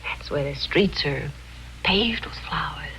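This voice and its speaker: Tender young wife, 1950s film drama, lowish voice, hissy old soundtrack. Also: female voice, animated, measured pace, exaggerated voice, low-quality recording. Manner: tender, softly spoken, then anxiously pressing. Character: affectionate young wife eager for a vacation. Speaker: investigator's wife.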